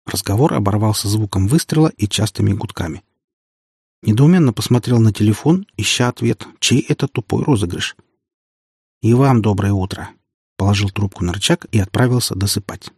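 A man narrates a first-person audiobook in a steady, matter-of-fact way. His voice is fairly low and husky. The recording is close and dry with no room sound. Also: a little fast, dry recording.

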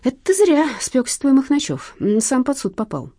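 A woman reader voicing a shrewd older male former policeman who speaks calmly and cuttingly. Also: high voice, normal speed, no room sound, pitched above the performer's own voice, exaggerated voice. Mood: stern. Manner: calm, dry, cutting. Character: shrewd older male ex-cop, calm and cunning.

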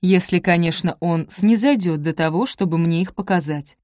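A woman reading the part of an older noblewoman who speaks gently but firmly. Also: fairly low pitch, moderate pace, no room sound, clean studio sound, natural voice. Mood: composed. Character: older noblewoman mother, calm and steely.

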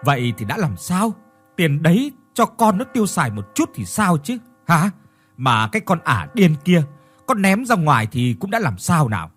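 A man's voice: medium pitch, sing-song, fairly quick, a little mellow, slightly rough, faint music behind. A man voicing a middle-aged mother who indignantly defends her son and scolds back.

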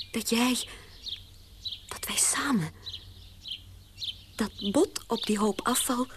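A woman playing a restless young woman in a radio play, speaking haltingly and often in a breathy whisper. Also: on the high side, noisy background. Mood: dreamy.

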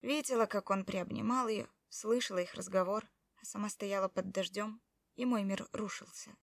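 Woman, audiobook narrator, emotional expressive reading, medium pitch, dry close sound. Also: normal speed, no room sound, distant mic. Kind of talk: first-person audiobook narration.

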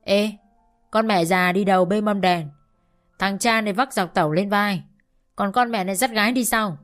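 A woman's voice: medium pitch, normal speed, soft background music, natural voice. A woman voicing a harsh middle-aged male police officer with a gun, curt and threatening. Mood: gruff.

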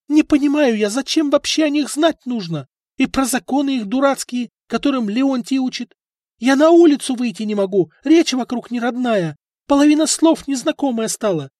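Audiobook: male narrator as a lonely young princess, high, pleading and tearful, snapping into shrill outbursts. Dry close read. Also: a little mellow, no room sound.

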